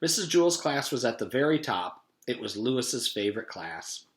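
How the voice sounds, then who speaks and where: In an echoey room, a man with a mid-range voice reads a children's storybook aloud like a teacher. His storytelling is expressive and deliberate.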